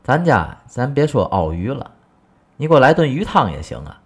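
A man's voice: medium pitch, very animated, moderate pace, slightly rough, voice pushed up. A man voicing an envious, nagging middle-aged housewife, in a coaxing, wheedling tone.

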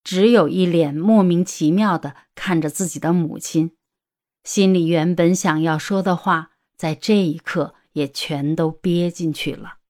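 A woman narrating an audiobook romance story in a steady storytelling manner. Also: on the low side, measured pace.

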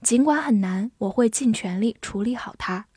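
A woman with a slightly high voice teaching English vocabulary to Chinese speakers. She spells each word out letter by letter and reads the example sentences slowly and clearly. The sound is close and dry, with no room echo. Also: a little mellow. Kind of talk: scripted vocabulary lesson.

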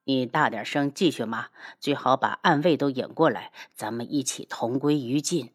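A woman voicing a cold, sneering young man who talks slowly and with menace. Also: extremely low pitch, animated, pitched below the performer's own voice. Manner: slow, cold, sneering delivery.

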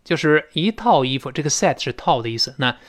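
Male English teacher with a fairly high voice, drilling phrases slowly in a recorded lesson. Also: expressive, fairly bright tone.

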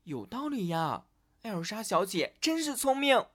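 A man's voice: extremely high pitch, expressive, moderate pace, fairly bright tone, husky, voice pushed up, exaggerated voice. A man voicing a simple, obliging young maid in a storybook. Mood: eager. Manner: eager, admiring.

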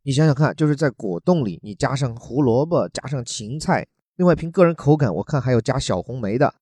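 A man's voice: medium pitch, lively intonation, brisk, warm tone, breathy edge, no room sound. A man from China, teaching English words from a news article in a chatty, joking way and spelling words out letter by letter.

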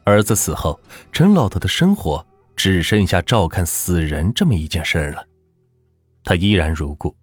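A man narrating a folk ghost story as the channel's host, in a dramatic, lively storytelling manner. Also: fairly low pitch, husky, no room sound.

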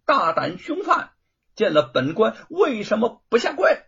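Smug bullying magistrate, a man acting it, raspy, swooping pitch, dull lo-fi sound. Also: huge pitch swings, slow pace, exaggerated voice. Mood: stern. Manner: gloating, bullying, sneering laughs. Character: scheming, gloating male magistrate, middle-aged. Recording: dull lo-fi recording.

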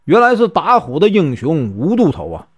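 A man voicing a humble, deferential innkeeper's husband who pleads and flatters. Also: on the high side, normal speed, breathy edge, no room sound, exaggerated voice.

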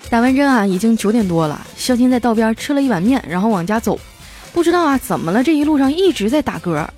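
A woman hosting a comic storytelling podcast, chatty and lively, stretching out her sentence endings. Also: fairly high pitch, fast talker, soft background music. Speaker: host.

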